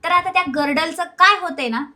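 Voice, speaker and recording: A woman's voice: very high voice, a little fast, pushed and bright. A young woman from Maharashtra vlogging a casual couple challenge, bossy and teasing, repeating her words.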